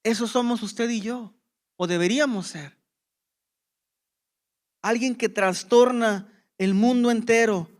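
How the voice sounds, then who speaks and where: A man's voice: very high-pitched, slow pace, long pauses. A man preaching a sermon as pastor, with impassioned emphasis and rhetorical questions to the congregation.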